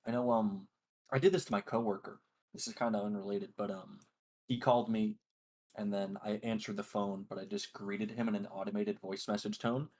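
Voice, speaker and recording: A man's voice: on the low side, a little fast. A young man co-hosting a podcast in casual, profane, teasing chat. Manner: joking, profane, deadpan teasing. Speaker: podcast co-host.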